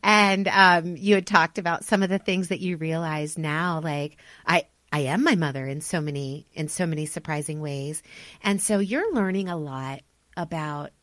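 Woman host, low-ish voice, enthusiastic, affirming; dry recording. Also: normal speed, fairly bright tone, no echo. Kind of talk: podcast interview.

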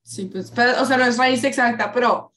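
A woman's voice: a little high, fairly quick, fairly bright tone. A woman, a podcast co-host rambling through a story with lots of fillers. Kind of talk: casual chat.

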